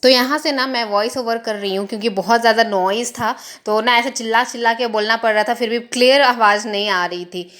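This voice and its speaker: A woman's voice: on the high side, steady tone, brisk, few pauses, a bit bright. A young woman vlogging in a chatty, casual way, slipping English words into her talk. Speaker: family vlogger. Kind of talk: casual vlog narration.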